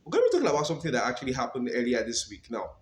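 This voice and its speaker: Nigerian guy chatting about a legal story, lively, lots of "come on", roomy echo. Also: medium pitch, rapid-fire. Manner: animated, repeats "come on". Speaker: legal commentary host. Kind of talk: casual commentary.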